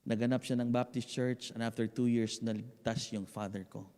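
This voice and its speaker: A man with a Filipino accent preaching a testimony sermon, dropping to a hush and then rising to a shout as he tells his story. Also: mid-range voice, level tone, moderate pace. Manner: impassioned, swings between hushed and shouting, mixes English and Tagalog. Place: church sanctuary. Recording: long hall reverb.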